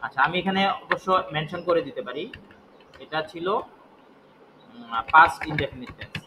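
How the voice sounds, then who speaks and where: A man's voice: fairly high pitch, unhurried, noisy background. A man teaching English grammar, explaining step by step and asking and answering his own questions. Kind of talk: spoken grammar lesson.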